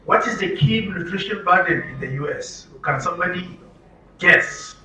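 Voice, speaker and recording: At a training session, a man with a Nigerian accent delivers an emphatic, interactive talk at a moderate pace, often questioning the audience. His voice sits high and sounds bright, forceful and expressive. It is recorded with a distant mic in a roomy space with noise.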